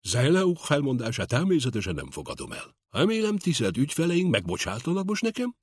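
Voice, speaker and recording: Guy doing a stiff pompous boss, formal, kind of husky, storybook reading. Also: medium pitch, wildly swooping pitch, no room sound, clean studio sound, voice pushed up. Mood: stiffly formal. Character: pompous male general director, stiff and formal.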